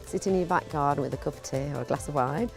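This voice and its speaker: A woman's voice: deep voice, very fast, faint music behind. A woman being interviewed for TV, speaking enthusiastically about keeping chickens as pets.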